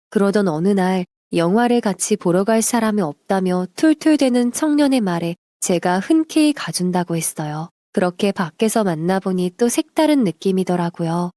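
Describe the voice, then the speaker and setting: A woman narrating a submitted life story in an even, confiding storytelling manner. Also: medium pitch, dry recording, studio quality.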